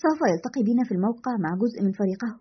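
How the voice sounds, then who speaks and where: A woman voicing a calm, businesslike male investigator who leads a team, in a dull lo-fi recording. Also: a little high, rapid-fire, breathy edge.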